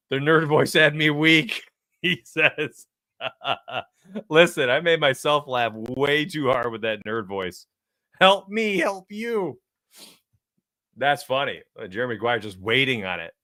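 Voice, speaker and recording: Animated, bright-voiced man hosting a betting stream. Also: medium pitch, no room sound, clean studio sound. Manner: animated, rambling, chuckles often. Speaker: sports betting show host. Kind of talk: casual livestream talk.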